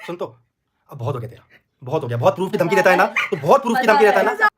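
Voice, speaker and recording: A man's voice: high voice, very animated, very fast, very noisy. A man arguing heatedly on a livestream, repeating himself, pleading and threatening in turns. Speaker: vlogger on a livestream.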